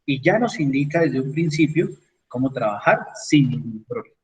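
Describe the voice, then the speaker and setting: A man's voice: mid-range voice, animated, normal speed, recorded from a distance, low-quality recording. A man lecturing an engineering class online, explaining step by step and checking in with his students as he goes. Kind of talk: online class with screen sharing.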